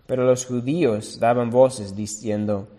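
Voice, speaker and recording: A man preaching a sermon, reading scripture aloud slowly and deliberately, now and then correcting himself. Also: mid-range voice, fairly even intonation, mellow, long reverb tail.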